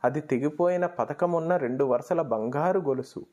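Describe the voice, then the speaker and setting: A male storyteller narrating a devotional story in a steady, measured reading. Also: fairly high pitch. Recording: dull lo-fi recording.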